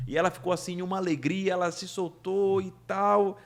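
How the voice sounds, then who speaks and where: A man chats as a podcast guest, spinning anecdotes with energy and frequent laughter. His voice sits a bit high for a man. He tells the stories in a relaxed, conversational way. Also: brisk. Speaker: podcast guest, event producer. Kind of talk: casual storytelling chat.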